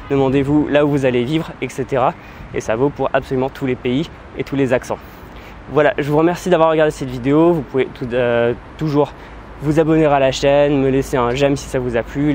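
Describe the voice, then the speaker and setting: A man's voice: mid-range voice, a little mellow, slight background noise. A man hosting a language-learning channel, explaining in a casual, conversational way, with frequent fillers and restarts. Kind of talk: casual explanatory video talk.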